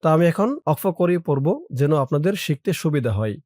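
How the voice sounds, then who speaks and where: A man's voice: fairly high pitch, animated, normal speed, darkish tone, no echo, studio quality. A man teaching Quran recitation step by step, patiently explaining pronunciation and repeating phrases for viewers to copy.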